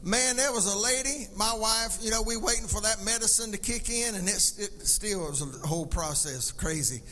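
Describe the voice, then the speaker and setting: A middle-aged man with a Southern US accent preaching an animated sermon in a folksy, colloquial way, exhorting the congregation to respond. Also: high-pitched, moderate pace, hardly any pauses. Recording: echoey hall sound, faint music.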